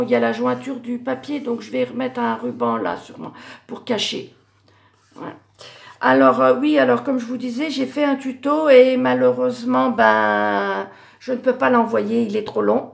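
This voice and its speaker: A middle-aged woman showing her handmade Christmas cards in a casual craft vlog, hesitant with many fillers and self-corrections, her voice going hoarse. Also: a little high, normal speed. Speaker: craft YouTuber.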